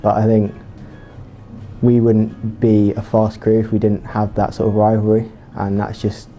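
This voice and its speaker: A man's voice: fairly low pitch, completely flat delivery, measured pace, dark tone, faint music behind. A young man in his late teens answering interview questions in a loose, chatty way. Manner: loose, chatty, many fillers. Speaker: junior rowing crew member.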